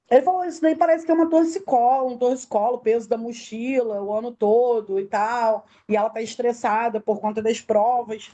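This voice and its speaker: Woman, middle-aged, fairly high voice, warm and mellow, detailed emotional testimony, acts out quoted dialogue. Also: dull audio. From Brazil. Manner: tells the story in detail, acting out quoted dialogue. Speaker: interview guest, bereaved mother.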